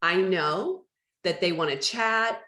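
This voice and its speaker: A woman leading a real estate team training, talking in a chatty, animated way and acting out phone calls. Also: fairly low pitch, takes it slowly, reverberant.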